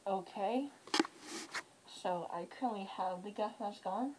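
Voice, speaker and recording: A woman's voice: mid-range voice, slow, heavy background noise. A woman vlogger talking casually through a sealed gas mask, rambling and offhand as she tests it. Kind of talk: casual show-and-tell.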